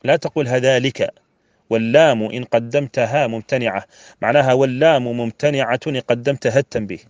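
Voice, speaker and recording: A Mauritanian man, an Islamic scholar, gives a classroom lecture on grammar, explaining a verse text and repeating key phrases for emphasis. His mid-range voice is fast and a little mellow. The audio is dull, with no echo.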